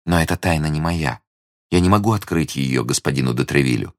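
A man voicing an anxious, secretive young woman in danger, speaking softly and hesitantly. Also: rumbling low, lively intonation, fairly quick, no room sound, studio quality. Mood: hushed. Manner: soft, hushed, hesitant.

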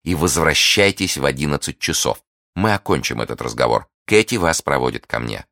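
A man voicing a cold, scheming noblewoman in an audiobook, speaking softly and with restraint. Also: rumbling low, animated, fairly quick, creaky, no room sound, clean studio sound, exaggerated voice. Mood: commanding. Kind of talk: audiobook character reading.

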